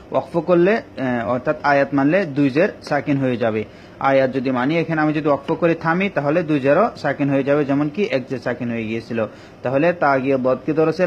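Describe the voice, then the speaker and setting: A male teacher giving an online Quran recitation lesson, explaining each rule patiently and step by step with many pauses. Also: mid-range voice. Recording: dull lo-fi recording with faint ambient noise.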